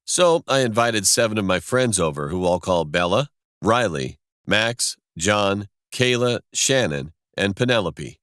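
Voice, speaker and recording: Deep-voiced man narrating a creepy story. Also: lively intonation, measured pace, a bit bright, dry recording, clean studio sound. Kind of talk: scripted horror narration.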